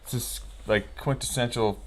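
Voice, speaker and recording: A man of around fifty, a snowboarding veteran appearing as an interview guest, tells stories while flipping through a book. His voice is medium-pitched and steady at a normal speed, his talk loose and slangy, with crowd noise behind him.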